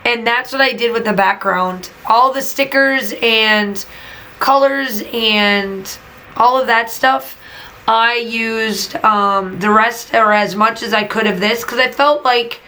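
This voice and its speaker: Her voice fading, a teacher and scrapbooking host vents chattily in a slow, casual voiceover, hammering points home through repetition. The fairly high, sharp voice comes through a voiceover mic on a rough recording.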